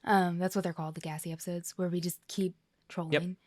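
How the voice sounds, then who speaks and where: A woman's voice: lowish voice, flat delivery, brisk, no echo, clean studio sound. Playful woman rambling on a podcast. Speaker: podcast co-host. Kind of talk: casual chat.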